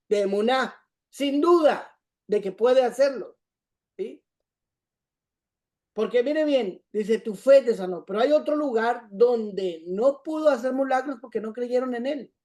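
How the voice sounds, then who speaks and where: A Bible study teacher explaining scripture, repeating points and often checking in with a quick "right?". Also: mid-range voice, mellow. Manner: repetitive, checks in with "¿sí?".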